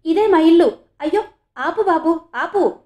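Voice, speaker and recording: A woman voicing a homesick middle-aged mother who calls out in excitement, in a read-aloud story. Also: high-pitched, normal speed, roomy sound, natural voice. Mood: urgent. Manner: excited, calling out loudly.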